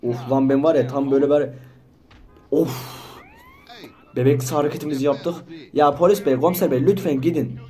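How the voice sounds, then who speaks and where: A man hosting a gaming channel, giving casual let's-play commentary and bantering excitably with the characters on screen. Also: on the high side, brisk, pauses often.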